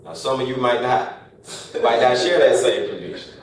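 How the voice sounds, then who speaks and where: A man's voice: mid-range voice, moderate pace. A man gives a casual motivational talk to a classroom of college students, joking and asking rhetorical questions. His voice is picked up from a distance, so it sounds far off in a very echoey room with a faint hiss underneath. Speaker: speaker addressing college students.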